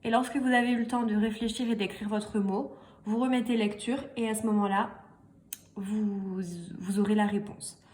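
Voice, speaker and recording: A woman teaching a reading lesson and dictation to young children, speaking slowly, repeating each word and spelling out letters. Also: mid-range voice, steady tone, darkish tone. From France. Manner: very slow, deliberate, spells letters and repeats words. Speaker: primary school teacher.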